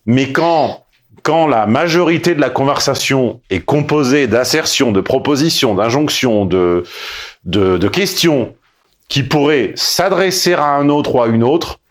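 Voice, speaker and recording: A man's voice: medium pitch, animated, unhurried. A man coaching a caller on her dating life, blunt and emphatic, with mocking asides. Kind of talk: casual coaching call.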